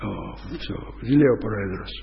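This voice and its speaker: A man giving a rambling, fervent spoken testimony to a church congregation, full of restarts. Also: fairly low pitch. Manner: rambling storytelling with many restarts, preaching fervently. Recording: dull sound with long hall reverb.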